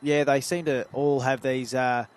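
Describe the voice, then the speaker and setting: A man's voice: medium pitch, level tone, measured pace. A man with an Australian accent calling amateur football play-by-play in a chatty way, rising when play picks up. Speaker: play-by-play commentator. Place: at a suburban football ground.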